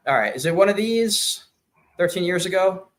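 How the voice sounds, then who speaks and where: A man hosting a live online talk, easygoing and quick with short affirmations. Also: high-pitched, animated. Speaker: podcast host. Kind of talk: casual live chat.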